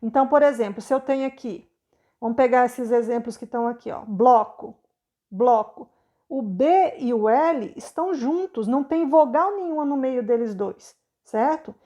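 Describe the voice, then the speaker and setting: A Brazilian woman teacher explaining a lesson to children patiently, sounding words out slowly and checking understanding often. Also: high voice, mellow. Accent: Brazilian Portuguese.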